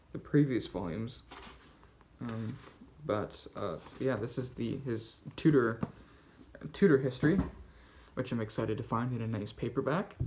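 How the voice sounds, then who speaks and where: A man with a Canadian accent hosting a casual book-haul vlog, talking in a halting, rambling way as he goes. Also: medium pitch, a little mellow. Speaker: book channel host.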